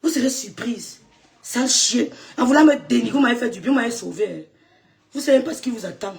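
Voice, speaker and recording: High voiced woman from cameroon ranting back at haters, mocking and yelling. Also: brisk, creaky. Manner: insulting, defiant, swings between mocking laughter and shouting. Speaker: online content creator. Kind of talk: heated monologue answering critics.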